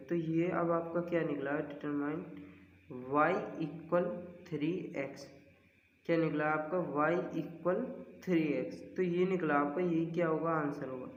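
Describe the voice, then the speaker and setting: A man teaching a math lesson at the board, working through each step and asking rhetorical questions as he goes. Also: a little high. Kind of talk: board-work lesson explanation. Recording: echoey hall, dull lo-fi sound.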